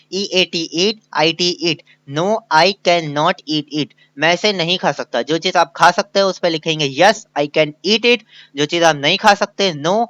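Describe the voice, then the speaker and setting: A male kindergarten teacher, walking through a worksheet, spelling each English word letter by letter and translating it, slowing down to model sentences. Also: on the high side, sharp tone, clean tone, no echo. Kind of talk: recorded worksheet lesson.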